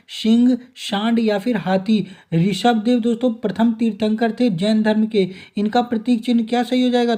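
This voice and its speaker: A young man with a high, mellow voice teaches an exam revision lesson. He reads quiz questions and their options aloud, then gives each answer, often calling his listeners friends.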